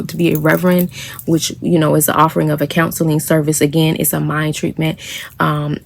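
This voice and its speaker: Low, gravelly-voiced woman vlogging softly. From United States. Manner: soft-spoken, meandering, frequent fillers and light laughs. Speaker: spiritual practitioner and reverend. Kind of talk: casual reflective vlog monologue.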